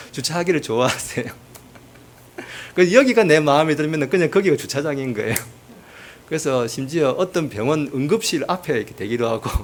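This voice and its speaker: A man's voice: mid-range voice, gravelly, slight background noise. A man preaching a sermon as pastor, telling humorous family stories with acted quotes.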